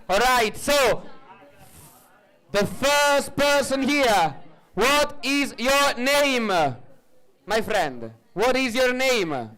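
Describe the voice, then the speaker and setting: A man's voice: very high-pitched, sing-song, very slow, long pauses, bright, forceful tone, low-quality recording. A man hosting a live stage event, chatty and playful, rambling through his explanations. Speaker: event host.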